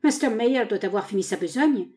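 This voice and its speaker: A woman's voice: fairly high pitch, animated, brisk, dark tone, close to an everyday voice. A woman reading aloud, voicing a blunt, matter-of-fact male sheriff in a raised voice.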